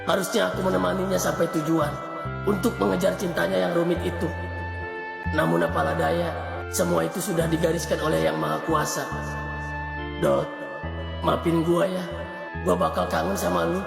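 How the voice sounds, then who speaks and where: An actor plays a goofy young man, the melodramatic best friend in a cartoon comedy. His Jakarta-accented voice is heavily creaky and teasing, with clear music playing behind it. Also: mid-range voice, normal speed, pauses often. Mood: mock mourning. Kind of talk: animated comedy dialogue in Jakarta slang.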